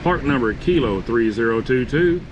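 A man's voice: mid-range voice, moderate pace, dull audio. Polite guy doing ham radio calls outside, mid voice, phonetic letters, noisy background. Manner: courteous, repeats himself. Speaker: amateur radio operator. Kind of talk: radio contest-style calling, phonetic spelling. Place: outdoors at a campsite table. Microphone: camera on the table beside the radio. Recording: clear steady outdoor background noise.

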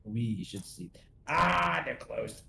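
Animated young streamer telling a story. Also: medium pitch, slow, vocal fry. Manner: animated, acts out quoted people mid-story. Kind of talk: casual chat storytelling. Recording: echoey room with faint noise.

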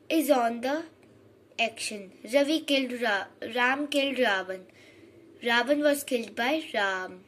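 A woman giving a slow grammar lesson, reading aloud haltingly with frequent restarts and slips. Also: fairly high pitch, a bit bright, slight background noise. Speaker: teacher.

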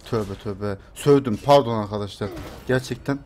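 A man's voice: fairly low pitch, moderate pace, darkish tone, slight background noise. A young man streaming a video game, muttering and cursing to himself, then shrieking in panic when chased. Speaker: gameplay streamer. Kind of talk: live game commentary.

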